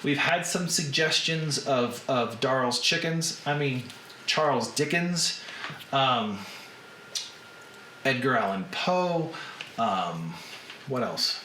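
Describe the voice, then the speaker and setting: A man with a Southern US accent chatting casually to livestream viewers as host, in an unhurried drawl with drawn-out words. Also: medium pitch, animated, sharp tone. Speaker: host of a live reading stream. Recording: roomy echo, faint background noise.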